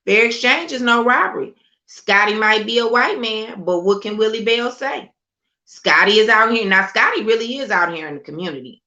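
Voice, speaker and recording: A woman's voice: medium pitch, sharp tone. A woman giving a fiery, sarcastic political monologue, hammering home points with repeated rhetorical questions, on a slightly dull lo-fi recording. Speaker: political commentator.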